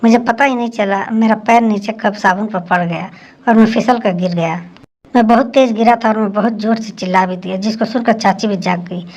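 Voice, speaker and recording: A woman storyteller reading a first-person story aloud at a steady, even pace. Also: mid-range voice, a little fast.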